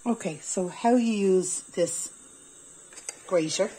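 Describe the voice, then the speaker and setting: A woman in her forties with an Irish accent chats her way through a cook-along in her own kitchen, talking homely and explaining each step as she goes. Her voice is mellow and warm in tone. The camera sits on the worktop, with a faint hum of kitchen noise behind her. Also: mid-range voice, slow, low-quality recording. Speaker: home cooking vlogger. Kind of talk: casual cook-along talk. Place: home kitchen.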